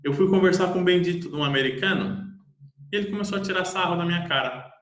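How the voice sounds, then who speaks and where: Young Brazilian man, English teacher, lively self-mocking storytelling, fairly high voice, echoey room. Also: fast talker. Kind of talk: personal storytelling.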